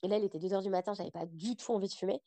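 A young adult woman, a podcast guest, telling a personal story in a casual, animated way with lots of fillers. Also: mid-range voice, racing, dry recording.

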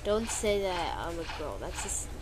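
Unhurried and fairly low-pitched, with big swings in pitch, this stuffy-voiced woman rambles through casual gameplay commentary. The video creator playfully gripes at each hit, with background noise and loud game music in the mix.

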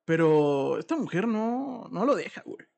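A man with a Mexican Spanish accent retells a horror story in casual podcast chat. His voice sits a bit high, and he slips in and out of the characters' quarrel with slang-heavy, animated delivery. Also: moderate pace, gravelly. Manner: slangy, animated retelling, acting out quoted dialogue. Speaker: podcast host.

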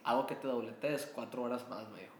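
A man's voice: mid-range voice, fast, reverberant, a little hiss or hum. A man with a Mexican Spanish accent, a guest telling a story in a casual chat over beers, slangy and laughing often. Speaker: guest entrepreneur.

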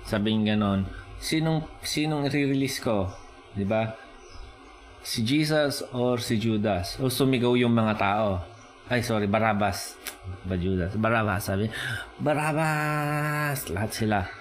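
A man preaching a sermon in mixed Filipino and English, explaining slowly and often checking in with his listeners. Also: lowish voice, fairly even intonation. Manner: Taglish preaching, slow and explanatory, rising with emphasis.

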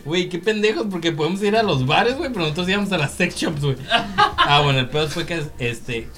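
A man's voice: fairly high pitch, animated, a little fast, bright, forceful tone. A young man with a Mexican accent, joking and telling a story in slangy chat. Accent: Mexican Spanish. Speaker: podcast co-host.

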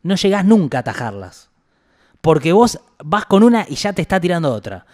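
An Argentine man with a slightly high voice talks politics in a loose, casual chat. He sounds blunt and exasperated and swears without holding back. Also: darkish tone. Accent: Argentine Rioplatense Spanish. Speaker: political podcast co-host.

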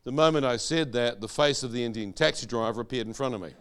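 A man's voice: mid-range voice, fast, slight background noise. A man preaching a sermon testimony, telling his story and quizzing the audience with questions.

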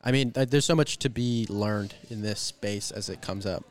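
A man's voice: lowish voice, normal speed. A man hosting a podcast, talking casually and rambling with many fillers and restarts. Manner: rambling, heavy use of "like" and fillers. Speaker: podcast host. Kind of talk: casual conversation.

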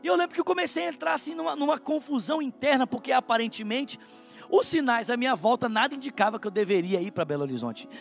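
A man's voice: very high voice, animated, fast talker, gravelly, faint music behind. A man with a Brazilian Portuguese accent preaching a sermon, telling his own testimony in an earnest, heartfelt way and speaking straight to the listener. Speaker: pastor.

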